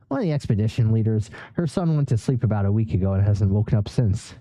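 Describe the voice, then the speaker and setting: A man's voice: lowish voice, expressive, fast talker, dark tone, dry recording, natural voice, poor audio. A man voicing a shrewd male gambler who speaks matter-of-factly and hands out advice. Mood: dry. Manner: matter-of-fact, advising. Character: shrewd male gambler at a camp, sharp-eyed.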